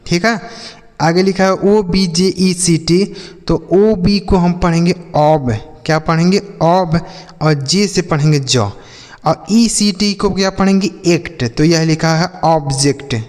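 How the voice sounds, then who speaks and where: A man gives a lesson on reading English words. His voice sits a little high, and a long hall echo trails after each word. He spells each word out letter by letter, asks what it says, then repeats the answer. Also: measured pace, a little mellow. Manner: calls viewers children and brother. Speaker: English teacher.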